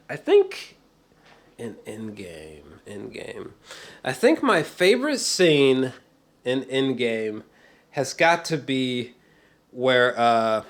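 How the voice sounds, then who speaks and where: An enthusiastic fan, this man reviews a film in a casual, wandering way, swearing without restraint. His mid-range voice keeps faltering, and he repeats himself for emphasis.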